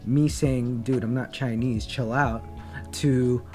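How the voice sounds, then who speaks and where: A man's voice: mid-range voice, steady tone, slow, darkish tone. Young man, personal vlog storytelling, reflective, light music bed behind. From Philippines. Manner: candid, reflective, many fillers and restarts. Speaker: vlogger.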